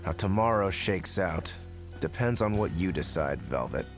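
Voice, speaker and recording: A blunt, easygoing swordsman from a video game, with a low voice that rises and falls freely. Game music runs in the background. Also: lively intonation, normal speed.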